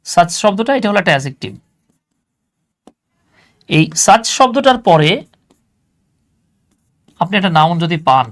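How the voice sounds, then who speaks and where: A man teaching an English grammar lesson in a casual classroom style, explaining step by step, repeating key points and asking rhetorical questions. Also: high-pitched. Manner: slows down to spell out words while writing.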